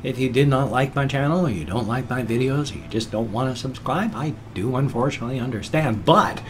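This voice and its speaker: A man in his fifties rambles in a casual vlog, earnest and self-deprecating, gesturing with his hands while seated. His voice is mid-range and brisk. Faint music plays behind him.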